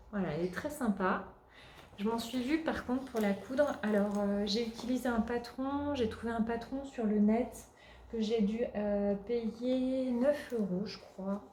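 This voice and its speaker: A woman hosting a craft podcast, casually showing her work and pausing often with fillers. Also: medium pitch, background noise. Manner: hesitant, many filler pauses. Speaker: podcast host. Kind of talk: casual show-and-tell chat. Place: at home. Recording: roomy echo.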